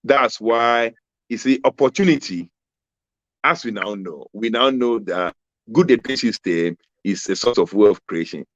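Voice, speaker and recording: Over a video call that keeps freezing and cutting out, a Ghanaian-accented political candidate in his fifties answers interview questions. His voice is lowish and expressive at a moderate pace, and he speaks emphatically, repeating his key phrases. The call audio is dull and dry with no room sound.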